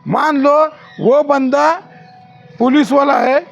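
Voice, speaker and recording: High-pitched gravelly male trainer. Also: takes it slowly, lo-fi sound, soft background music. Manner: quizzes trainees with repeated questions; demonstrates rude and polite ways of speaking. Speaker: security guard trainer. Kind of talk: classroom training lecture.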